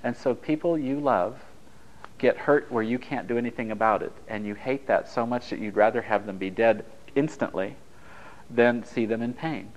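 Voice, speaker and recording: A man leads a taped relationship workshop, telling anecdotes conversationally and joking with the group. He's from Italy, his first language is Japanese, and his medium-pitched voice comes at a moderate pace, with the recording's highs cut off.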